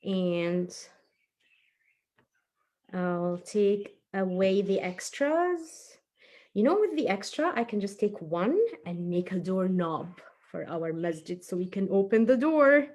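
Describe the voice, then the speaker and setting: A woman with a medium-pitched, somewhat dark voice speaks slowly but with plenty of animation. She's showing a craft for young children, chatting casually and encouragingly while she thinks out loud through each step with her hands busy. Faint background noise and small clicks can be heard.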